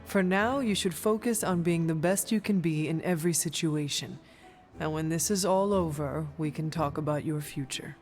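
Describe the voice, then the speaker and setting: Woman voicing a calm wise mentor, measured and reassuring, game music faint behind. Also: sits low, lightly acted.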